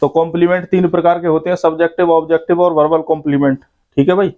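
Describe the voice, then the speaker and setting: Heard through phone-quality sound, a man with a high-ish voice talks fast and flat while teaching school students English grammar. He goes step by step, repeatedly checking in with "ठीक है भाई" ("okay, brother").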